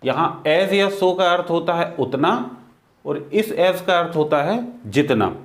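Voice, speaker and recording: Slow, patient Indian male teacher. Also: a little high, expressive. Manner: slow, patient explaining, repeating words for drill. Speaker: English teacher. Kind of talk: spoken English lesson.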